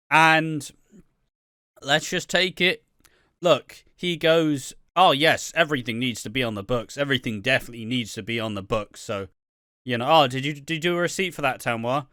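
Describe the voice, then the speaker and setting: A little high and pushed, his bright, smooth voice belongs to a UK man co-hosting a casual TV soap podcast. He swears liberally and voices the characters' lines himself. The studio sound is clean, with no room sound at all.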